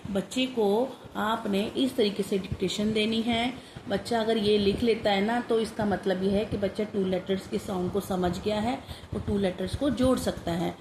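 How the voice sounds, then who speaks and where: A woman teacher, slowly giving a phonics dictation lesson for parents and repeating each sound. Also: medium pitch, fairly even intonation, reverberant, background noise.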